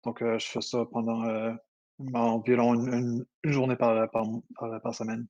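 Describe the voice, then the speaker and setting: A man in his thirties speaks with an Acadian French accent, presenting casually over a voice call. He talks quickly and hesitates often, and his pitch stays fairly flat. The call audio sounds dull and lo-fi. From New Brunswick. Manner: fast-talking, many hesitations. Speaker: guest presenter. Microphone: computer mic on a voice call.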